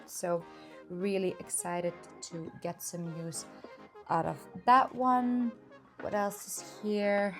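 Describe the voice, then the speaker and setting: A woman lifestyle vlogger with an upbeat, enthusiastic manner, chatting casually and narrating her days. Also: fairly low pitch. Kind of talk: casual vlog narration and haul chat.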